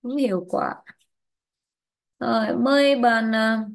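A woman's voice: a little high, slow pace, creaky. A woman English teacher running an online class, quizzing students by name and explaining grammar rules patiently.

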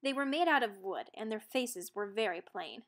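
At a moderate pace and in a mid-range voice, a woman gives an expressive read-aloud of a children's storybook.

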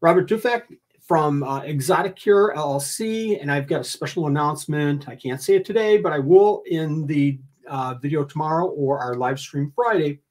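Casting: older male livestream host, husky and a little high, chatty and joking while reading out giveaway gifts. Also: moderate pace. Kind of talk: casual giveaway announcement, reading out gift list. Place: indoor room, livestream.

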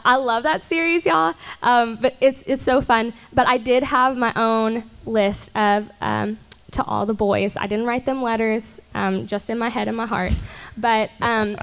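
A young woman in her twenties speaking on a church stage panel, chatty and earnest with many ums and soft laughs, into a handheld mic. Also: fairly high pitch, steady tone, normal speed, clean tone. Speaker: panel guest.

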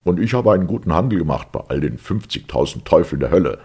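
A hot-tempered sea captain who shouts and curses in a loud, raised voice, as a male narrator puts him on. The tone is gravelly and husky, and it swings widely in pitch. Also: animated, normal speed, full character voice. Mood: gruff, mollified. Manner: shouting, furious outbursts. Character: angry blustering sea captain, middle-aged man.

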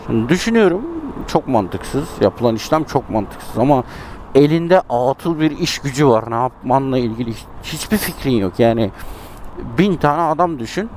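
A man's voice: medium pitch, lively intonation, normal speed, darkish tone. A Turkish man chatting casually to his viewers while riding a motorbike through city traffic, musing and commenting on the road. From Turkey. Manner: chatty, musing, talks to himself about the road. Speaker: motovlogger. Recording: faint road and engine noise.

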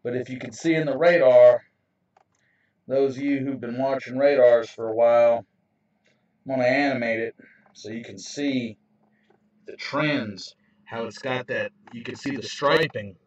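A man who chases storms, explaining weather radar to viewers in an informal video, recorded on a handheld camera. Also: medium pitch. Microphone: handheld camera, away from the mouth. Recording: roomy, dull, distant handheld camera mic.

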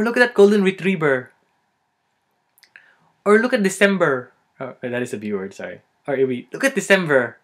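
A man's voice: mid-range voice, fairly bright tone. A young man with a Filipino accent talking casually in a comedic vlog, rambling with many fillers. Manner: chatty, rambling, lots of likes and ums. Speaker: vlogger.

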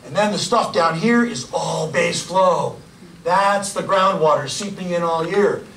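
A man in his forties giving a loud, energetic public science lecture to a room of listeners. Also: high voice, unhurried, a little hiss or hum. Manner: loud, energetic, gestures and points at slides. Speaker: county hydrogeologist giving a public talk. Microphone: lapel mic, filmed from the room. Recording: echoey room, voice from far off.

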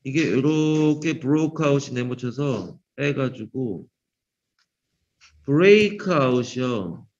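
A man's voice: mid-range voice, lively intonation, slow pace, darkish tone. A man teaching an English grammar class to middle school students, quizzing them by name and teasing them with jokes. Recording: dull lo-fi sound.

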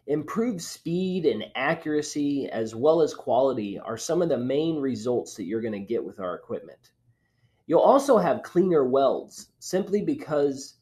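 Male presenter, thirties, animated pitch, webcam talk on slides. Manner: lively explanatory delivery, trailing off at line ends. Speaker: presenter for an equipment company. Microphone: webcam video call.

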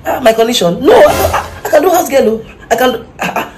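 Excitable Nigerian woman job-seeker. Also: high voice, fast, echoey room, very noisy. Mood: pleading, excited. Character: eager, pleading woman job-seeker, chatty and childish. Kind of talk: comedy skit acting. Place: living room indoors.

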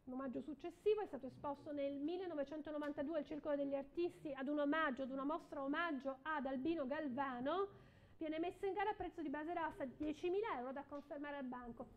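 A woman's voice: high voice, quick pace, highs cut off. A middle-aged woman working as an auctioneer at a live art auction, calling lots and repeating bids and counts in short phrases. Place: indoor auction room, at a podium.

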